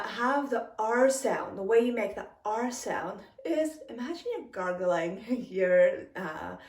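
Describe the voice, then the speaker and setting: A woman gives a patient language lesson at a very slow pace, repeating each word with small chuckles. Her voice sits in a mid range. The recording is roomy and a bit distant from the mic. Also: medium pitch. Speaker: French teacher. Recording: roomy echo, a little far from the mic.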